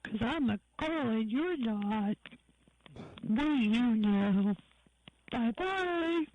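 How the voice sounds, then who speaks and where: A woman calls in to a show, stretching her words out in a slow valley-girl drawl. Faint noise hangs behind her voice. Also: a little high, expressive, dull audio. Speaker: caller.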